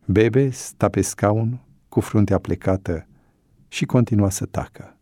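A man narrates an audiobook story at a measured, even pace. His voice sits low and dark. The recording is close and dry, with no room sound. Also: no echo.

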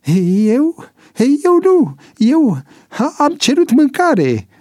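A man's voice: very high voice, huge pitch swings, dark tone, dry recording, studio quality, voice pushed up, full character voice. A man voicing a cowering male prisoner who stammers and pleads, crying as he is caught out. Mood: panicked pleading.

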